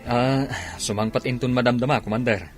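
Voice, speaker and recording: A man's voice: mid-range voice, fairly even intonation, a little fast, natural voice. A man playing a respectful soldier over music. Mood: deferential. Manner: respectful, deferential. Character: young soldier, deferential to commander. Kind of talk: radio drama acting.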